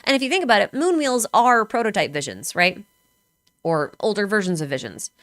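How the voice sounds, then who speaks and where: A woman's voice: medium pitch, animated, fairly quick, a bit bright, dry recording, studio quality. A woman streamer in casual chat, talking speculatively with many filler words.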